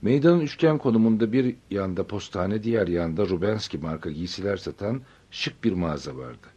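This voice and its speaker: Male audiobook narrator, low and husky, steady measured storytelling. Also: lo-fi sound.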